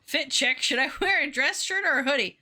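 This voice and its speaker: Brief: young woman game streamer, high and very bright voice, worn hoarse, chatty and casual, swears freely. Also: animated, brisk. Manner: chatty, reads chat messages aloud, swears casually. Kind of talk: casual chat while playing a game.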